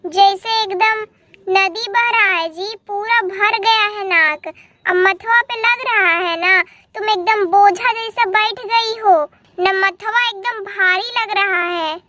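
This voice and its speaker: A woman's voice: very high voice, takes it slowly, bright, forceful tone, slight background noise, exaggerated voice. Woman voicing a stuffy-nosed old grandpa, grumbling. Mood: complaining. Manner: complaining, rustic dialect. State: blocked nose, head cold. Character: ailing old village grandfather, stubborn and grumbling.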